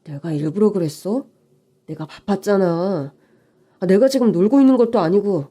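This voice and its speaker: A woman's voice: medium pitch, moderate pace, mellow, natural voice. A woman voicing an irritable, overworked young man who answers his fiancée curtly in an audio story. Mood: irritated. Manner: curt and snappish.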